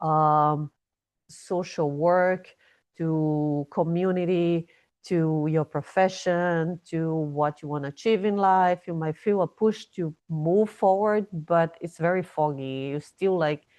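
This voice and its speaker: A woman's voice: low voice, a little mellow, dry recording. A woman giving a weekly astrology forecast, talking unscripted, often repeating and restarting words, a little breathless. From based in Dubai. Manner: hesitant, repeats words and restarts, fillers like "you know" and "yeah?". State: a bit breathless. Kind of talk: unscripted explanatory talk.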